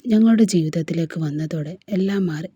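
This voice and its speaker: A woman's voice: fairly low pitch, fairly quick, dark tone, slightly rough, dry recording, lo-fi sound. A woman voicing a heartbroken married woman who pours out her sorrow in a storybook reading. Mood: sorrowful.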